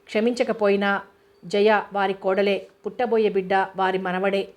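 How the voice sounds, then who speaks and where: A woman's voice: mid-range voice, level tone, normal speed, lightly acted. A woman voicing a remorseful young man who apologizes and pleads with his elder sister, read in an audiobook. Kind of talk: audiobook character reading.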